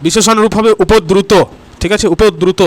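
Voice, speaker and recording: A man's voice: high voice, fairly even intonation, a little fast. A man from West Bengal teaching grammar in an online exam-prep class, talking straight to his students and checking "okay?" after each answer. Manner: repeats "ঠিক আছে?" and "next question" as checks and cues; talks straight to the students, urging comments and likes.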